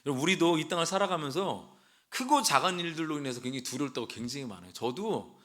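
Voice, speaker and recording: A young pastor delivering a sermon in a lively, sing-song voice that rises and falls widely. His pitch sits a bit high for a man. He talks to the congregation conversationally and mixes plain everyday speech with preaching. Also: fast talker.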